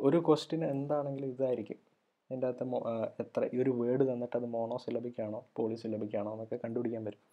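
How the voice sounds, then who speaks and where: A man giving a recorded college lecture, sounding out words slowly syllable by syllable. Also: mid-range voice, warm tone. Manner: slow, drills words syllable by syllable. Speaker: college English teacher.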